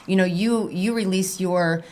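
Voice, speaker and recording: A woman's voice: lowish voice, measured pace, darkish tone. A woman guest, a choreographer and producer, chatting in an interview with lots of fillers and restarts. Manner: chatty, many fillers and restarts, laughs easily. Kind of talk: casual interview chat.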